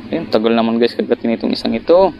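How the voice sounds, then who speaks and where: A man talks his viewers through a fishing outing outdoors, chatty and easygoing, with sudden excited outbursts. The sound is muffled and lo-fi, like an onboard camera mic, with a faint hiss in the background. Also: mid-range voice, quick pace, gravelly. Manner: excited bursts, chatty, addresses viewers as guys. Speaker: vlogger. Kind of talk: casual fishing vlog narration. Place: outdoors by the water, rural.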